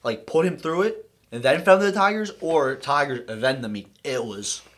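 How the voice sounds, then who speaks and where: A young man co-hosting a podcast in casual chat, swearing often and trailing off quietly at the ends of his thoughts. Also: medium pitch, normal speed. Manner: profane, rambling, trails off quietly. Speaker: podcast co-host.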